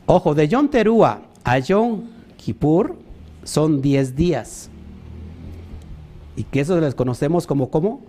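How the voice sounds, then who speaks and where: A man preaching a sermon, animated, asking rhetorical questions and mimicking other people. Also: fairly high pitch, slow, long pauses.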